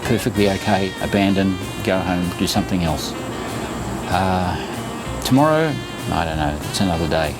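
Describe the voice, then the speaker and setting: Older guy in his 60s, pretty low voice, chatty vlog advice, music behind him. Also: normal speed, poor audio. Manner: chatty, instructive, reassuring. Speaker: running vlogger giving tips. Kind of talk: casual vlog to camera.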